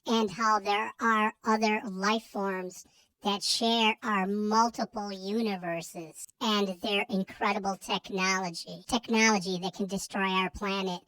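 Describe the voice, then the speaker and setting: A woman's voice: mid-range voice, fairly even intonation, a little slow, a bit bright, dry recording, lightly acted, poor audio. A woman playing a secretive whistleblower whose voice is disguised to sound like a helium-filled alien, speaking in a solemn, formal, conspiratorial manner. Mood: earnest. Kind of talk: comedy sketch.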